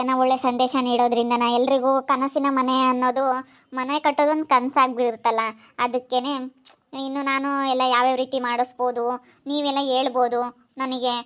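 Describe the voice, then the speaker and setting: A woman's voice: high voice, fairly bright tone. A woman vlogger with a rural Karnataka Kannada accent, chatting to viewers and repeatedly pleading for their support. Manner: pleading, repeats requests to subscribe.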